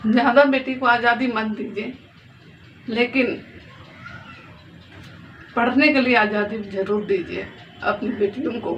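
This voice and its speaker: In fairly high-pitched, slightly slow speech broken by long pauses, a thirty-something mother of two daughters tells her story to the camera. It's an emotional testimony in which she pleads earnestly and repeats phrases, recorded as distant, dull lo-fi phone audio with faint noise.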